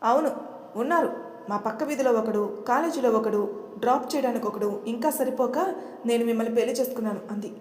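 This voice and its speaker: A woman's voice: fairly high pitch, brisk, lightly acted. A woman voicing a defiant young wife who answers back sarcastically. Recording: echoey room.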